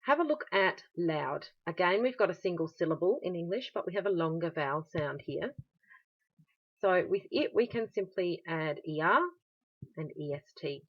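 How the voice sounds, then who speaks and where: Australian female language teacher, low-pitched voice, patient explainer, recorded lesson on a dull lo-fi recording. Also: expressive, normal speed. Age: adult. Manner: patient, explanatory, with frequent "um" fillers. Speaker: German teacher.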